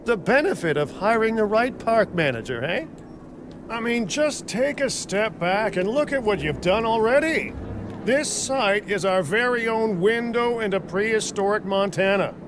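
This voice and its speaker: An actor playing a flippant, self-serving dinosaur park boss in a video game, glib and joking. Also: male voice, sits high, animated, normal speed. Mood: joking, upbeat. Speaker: park boss giving instructions. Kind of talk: video game character dialogue. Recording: clear vehicle and outdoor ambience noise.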